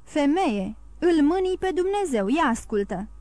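A man's voice: very high voice, big pitch swings, darkish tone, dry recording, pitched above the performer's own voice. A woman voicing a nervous, greedy middle-aged male innkeeper who sounds anxious and pleading.

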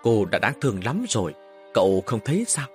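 A man voicing a calm, reproachful older woman of the house. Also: on the low side, brisk, faint music behind. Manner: steady, reproachful.

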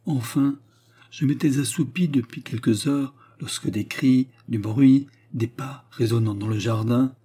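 A man's voice: medium pitch, measured pace, dark tone, husky. A man reading aloud voices a languid, gossiping widow in her thirties, who speaks in a plaintive, sighing, theatrical way.

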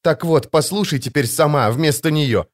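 A tormented teenage boy, as a male reader puts him on bursts out with bitterness and intensity, his voice pushed up high and loud. He sounds tense and agitated, in an audiobook reading. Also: normal speed, natural voice. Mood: cold, intense. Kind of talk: audiobook character voice.

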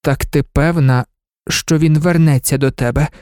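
A woman's voice: sits low, normal speed, mellow, no echo, studio quality, pitched above the performer's own voice, close to an everyday voice. A woman voicing an anxious, doting mother who frets and pleads with her daughter. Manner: fretful, pleading. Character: anxious, doting older mother, a professor's wife.

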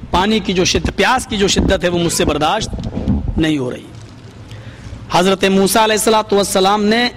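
Picture a high-pitched man preaching to a seated gathering, spinning a story in sermon form. He grows dramatic and lifts his voice whenever he quotes someone. A faint hum of noise sits under him. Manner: dramatic, voice rising for quoted speech. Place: gathering before a seated audience.

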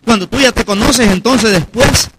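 A middle-aged man from Mexico preaching a sermon, dramatic, acting out the voices he quotes and shouting his high punch lines. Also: normal speed, very noisy.

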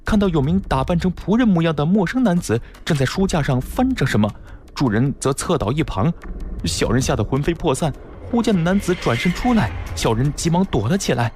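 A frightened servant begs and babbles, as a male storyteller puts him on, his voice pushed up high and lively. Soft music plays faintly beneath. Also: fairly quick. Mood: pleading. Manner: pleading, frantic, humble.

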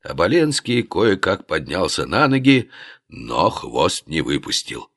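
Male narrator with a deep voice, animated and ironic, recorded dry. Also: a little slow, gravelly, dry recording. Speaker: audiobook narrator. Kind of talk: scripted narration.

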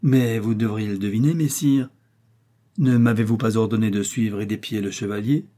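A man's voice: fairly low pitch, moderate pace, dark tone, close to an everyday voice. A man reading an old novel aloud, voicing a cunning, ironic male servant who plots against his master. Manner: mocking, insistent. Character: scheming sly male servant, ironic and bold.

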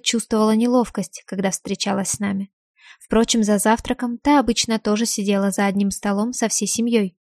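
A woman reading first-person audiobook narration at a measured, even pace. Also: mid-range voice, no room sound, clean studio sound.

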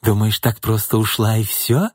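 A man's voice: moderate pace, slightly rough, no echo, studio quality. A sneering, menacing pimp, read by a man. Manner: sneering, mocking, low menacing threats. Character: menacing smug middle-aged pimp and thug.

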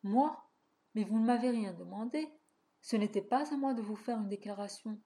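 A woman's voice: medium pitch, normal speed, dark tone, natural voice. A woman voicing a frank, lightly ironic woman of fifty-eight in a storybook reading. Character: cheerful plump woman of 58, frank.

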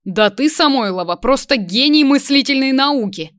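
Woman voicing a loud mocking grown man. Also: mid-range voice, normal speed, dry recording, clean studio sound, lightly acted. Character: brash loud grown man, former school rascal. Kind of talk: audiobook character voice.

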